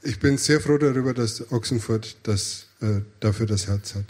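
A man's voice: medium pitch, moderate pace, darkish tone. A man interpreting a sermon phrase by phrase, with hesitations and self-corrections.

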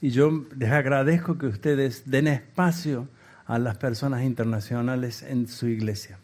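Argentine man, guest preacher, short phrases with pauses to be translated, mid-pitched. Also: steady tone, a little mellow. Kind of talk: sermon.

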